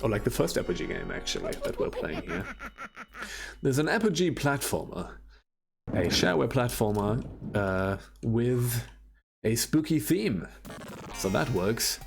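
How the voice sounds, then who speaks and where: Streaming himself playing old computer games, a man comments casually and chattily, swearing now and then over the game music. His medium-pitched voice is creaky and very animated, though his pace stays measured.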